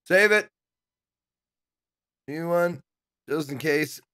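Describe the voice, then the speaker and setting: A man's voice: a little high, very slow, bright, forceful tone, clear, resonant tone. A man in his thirties streaming a game and muttering short, casual comments as he plays. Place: indoor home streaming setup.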